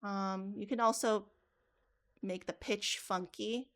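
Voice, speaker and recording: A woman's voice: medium pitch, fairly even intonation, slow, a bit bright. A woman running a live coding workshop for teachers, casual and talking through each step aloud with frequent restarts. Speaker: teacher trainer.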